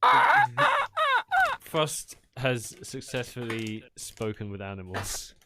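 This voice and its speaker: A man's voice: on the low side, huge pitch swings, takes it slowly, creaky, heavy background noise. A man running an online tabletop game as game master, his voice-chat audio breaking up and cutting out.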